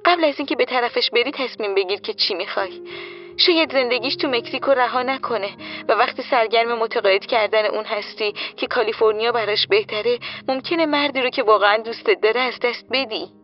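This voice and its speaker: A woman's voice: fairly high pitch, lo-fi sound, soft background music, pitched above the performer's own voice, lightly acted. A woman voicing a nosy, worried young friend in an audiobook, asking insistent anxious questions. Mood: earnest. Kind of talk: audiobook character voice.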